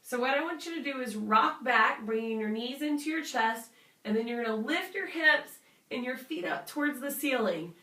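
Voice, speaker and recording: A woman's voice: high-pitched, moderate pace, pushed and bright. A woman leading a guided workout as a fitness instructor, encouraging and reassuring in an informal way. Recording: roomy, distant microphone.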